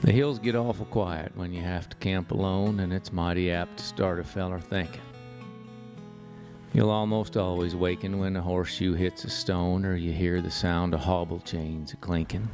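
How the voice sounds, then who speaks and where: Deep-voiced man reciting cowboy poetry. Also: steady tone, a little mellow, faint music behind. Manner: measured rhymed delivery with folksy cowboy diction.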